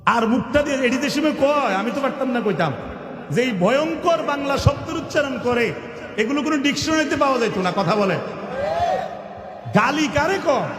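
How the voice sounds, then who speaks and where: High-pitched preacher man in echoey hall. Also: lively intonation, moderate pace, background noise. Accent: Bangladeshi Bengali. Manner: mocking, mimics the people he scolds, shouts for emphasis. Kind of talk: fiery sermon. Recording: echoey hall with long reverb.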